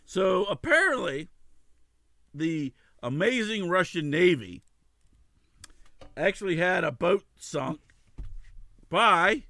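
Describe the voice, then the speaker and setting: A man from El Salvador hosting a loose comedy news show. His voice is high, bright and lively, and he reads the stories with stumbles and laughter. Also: slow, creaky, long pauses, dry recording. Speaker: podcast host. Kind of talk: casual comedic news chat.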